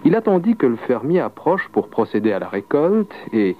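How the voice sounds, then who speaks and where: A man reading a legend aloud in an expressive storytelling style. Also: medium pitch, normal speed, slight background noise. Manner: expressive, with wide swings of voice. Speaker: reader of a legend. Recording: muffled lo-fi radio recording.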